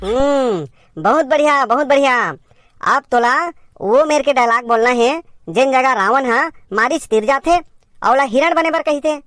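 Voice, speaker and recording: A woman's voice: sits high, normal speed, a bit bright, no room sound. A woman with a Chhattisgarhi accent performing a comedy sketch as a bossy teacher who scolds and directs her pupils.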